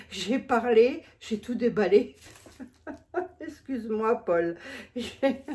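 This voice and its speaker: A woman's voice: medium pitch, darkish tone. A woman with a lisp, slushy sh for s and slightly impeded articulation, chatting casually and self-mockingly to subscribers in an unboxing vlog, often repeating her phrases. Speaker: video creator addressing her subscribers.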